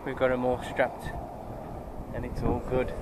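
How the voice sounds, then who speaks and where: A man's voice: medium pitch, monotone, a little slow. A young British man driving a truck, chatting casually and cheerfully to his viewers. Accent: British English. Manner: chatty, upbeat commentary to viewers. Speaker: truck driver vlogger. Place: truck cab on the road. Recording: road and engine noise behind.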